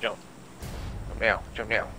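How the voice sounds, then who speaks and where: A man in casual gaming chat with an animated, excitable way of talking. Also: on the low side, unhurried, crowd noise. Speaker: gamer streaming squad play.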